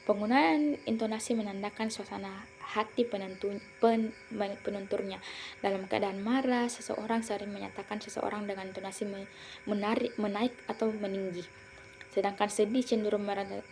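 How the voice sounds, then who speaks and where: A young woman student giving an explanatory academic presentation, often pausing with fillers and correcting herself. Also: medium pitch, steady tone, darkish tone, slight background noise. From Indonesia.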